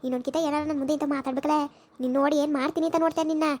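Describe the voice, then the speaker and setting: A woman doing a fierce village mother in a comedy skit, high-pitched and rattling off scoldings at speed. Her voice is dark in tone and full of sharp rebukes. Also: steady tone, lightly acted. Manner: scolding, shouting insults, rapid-fire.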